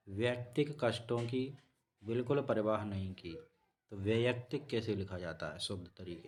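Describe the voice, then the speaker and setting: Man, teacher, exam-prep lesson, slow and repetitive, low voice. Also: a little mellow. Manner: slow, repetitive explaining, self-correcting. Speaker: Hindi teacher.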